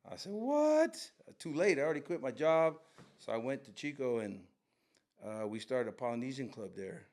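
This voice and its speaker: A man's voice: medium pitch, normal speed. A middle-aged man from Southern California, a guest telling stories casually in an interview and acting out quotes. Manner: relaxed storyteller, acts out quotes. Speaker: brand co-founder guest.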